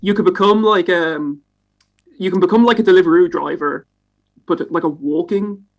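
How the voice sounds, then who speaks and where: A man's voice: high-pitched, moderate pace, lo-fi sound. A man co-hosting a podcast from home, telling rambling stories with plenty of swearing. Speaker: podcast co-host. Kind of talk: casual podcast chat. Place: home, in Edinburgh.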